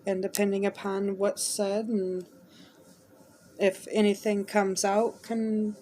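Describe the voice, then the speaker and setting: A woman hosting a spirit box session, talking in a rambling, halting, exasperated way as she addresses spirits. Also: mid-range voice, warm tone, a little hiss or hum.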